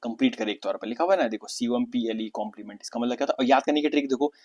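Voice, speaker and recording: A man's voice: mid-range voice, rapid-fire, darkish tone. Hindi-speaking man teaching vocabulary. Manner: questions and answers himself, repeats key words. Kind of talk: exam-prep vocabulary lesson.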